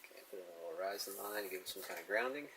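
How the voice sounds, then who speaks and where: A man's voice: deep voice, racing, pushed and bright, slight background noise, poor audio. A man musing and chuckling to himself as he draws, talking casually about comics and his sketch. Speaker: artist drawing on camera. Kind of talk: casual narration while drawing.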